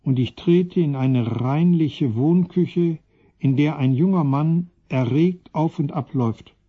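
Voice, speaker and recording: A man, a pastor, gives a sermon as an earnest, measured story, on a dull lo-fi recording. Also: fairly high pitch, husky.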